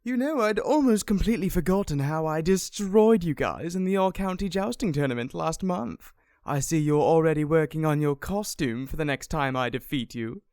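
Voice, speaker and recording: A woman's voice: sits low, darkish tone, no room sound, studio quality. A woman playing a pompous, gloating male rival knight in a comedy film, sneering and mocking. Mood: smug gloating. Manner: gloating, mocking, drawn-out taunts. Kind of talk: comedic film character acting.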